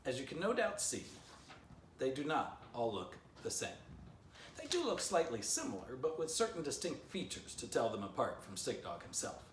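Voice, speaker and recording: With huge pitch swings in a mid-range voice, a man in his fifties reads his own children's story at a moderate pace, chatting playfully to young listeners. He sits indoors by a fireplace, filmed from a few feet away, and the home recording sounds roomy and slightly distant, with slight background noise.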